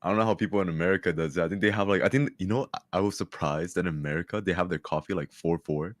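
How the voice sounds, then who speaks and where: Sleepy guy, very low voice, dry close sound, laid-back slang. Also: very fast, dry recording. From Canada. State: sleepy, just woken up. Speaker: stream guest. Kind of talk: casual chat.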